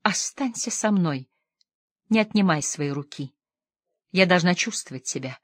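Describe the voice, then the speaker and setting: A woman voicing a tormented, opium-addicted lady who pleads feverishly, dropping to soft murmurs and rising into sudden outbursts. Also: on the low side, animated, unhurried. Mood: yearning.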